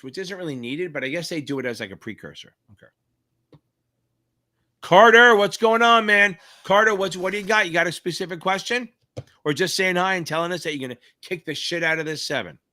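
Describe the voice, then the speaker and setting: A middle-aged man hosts a live question-and-answer stream, calling out viewers by name. He hypes them up with swear words and shouted cheers. His voice sits fairly high and sounds bright and forceful. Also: normal speed. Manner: hyped, profane, shouty cheers. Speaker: livestream host and exam tutor. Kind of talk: live Q&A chat.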